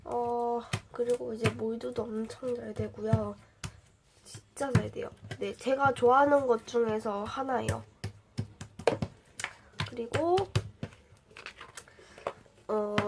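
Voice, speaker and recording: Showing off slime to her audience, a young slime reviewer chats away in a casual vlog, full of fillers and direct questions to viewers. She has a slight cold that alters her a little high voice somewhat, and the home recording is noisy.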